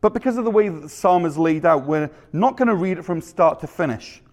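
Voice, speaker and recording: A man's voice: a little high, expressive, fairly quick, a little mellow. A man, preaching a sermon in a conversational, storytelling manner with rhetorical questions. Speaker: pastor.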